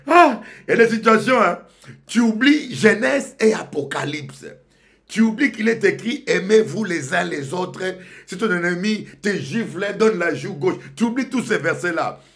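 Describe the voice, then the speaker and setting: A male pastor from Congo, preaching a sermon that swings from loud outbursts to low murmurs. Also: animated, normal speed.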